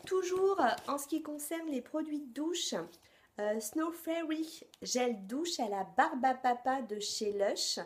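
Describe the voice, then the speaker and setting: A woman beauty vlogger in a casual product review, talking straight to her viewers and often pausing to search for words. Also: sits high, lively intonation. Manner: hesitant, frequent filler sounds and restarts; chatty, addresses viewers directly.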